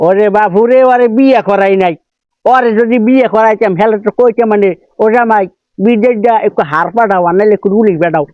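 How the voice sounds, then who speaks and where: A man's voice: high-pitched, brisk, clear, resonant tone, dry recording, natural voice. An actor playing a doting, fussy old grandfather in a comic village drama, scolding and fussing. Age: older. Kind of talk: comedic village drama acting. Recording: dull lo-fi audio, faint music.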